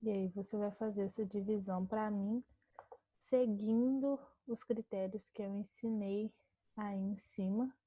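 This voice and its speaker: A Brazilian woman teacher giving a calm online grammar lesson, explaining step by step and slowing to spell out words. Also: mid-range voice, no room sound, highs cut off. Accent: Brazilian Portuguese.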